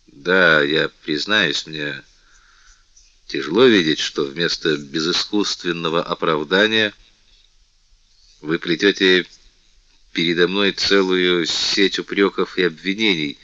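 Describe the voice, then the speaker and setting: A man's voice: low-pitched, slow pace, long pauses, sharp tone, no room sound, full character voice. A man voicing a desperate young woman who pleads with emotion and breaks into cries. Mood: desperate pleading. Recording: dull, lo-fi, dry.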